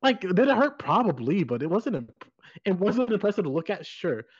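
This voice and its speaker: A podcast co-host giving animated, giggly opinions in casual chat. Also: medium pitch, normal speed, husky. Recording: dull lo-fi podcast audio.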